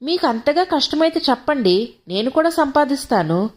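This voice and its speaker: A woman's voice: high-pitched, big pitch swings, normal speed, pitched above the performer's own voice. A woman reading the part of a timid young wife, pleading and hurt.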